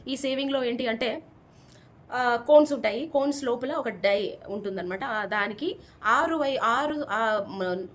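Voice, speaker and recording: A woman's voice: a little high, measured pace, pauses often, a little hiss or hum. Chatty woman recapping a reality show. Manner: chatty, animated retelling with acted quotes. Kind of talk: casual recap commentary.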